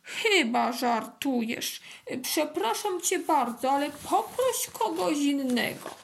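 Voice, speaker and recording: A woman's voice: extremely high pitch, very animated, pitched above the performer's own voice, heavily acted. A woman doing a grumbling haughty beetle. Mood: indignant. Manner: slow, indignant and mocking.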